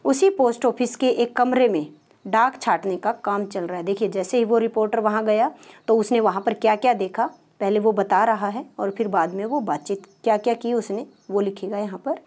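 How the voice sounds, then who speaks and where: A woman's voice: mid-range voice, moderate pace, darkish tone. A woman teaching a primary school lesson, patient and explanatory, asking questions and answering them herself. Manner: patient, asks and answers her own questions.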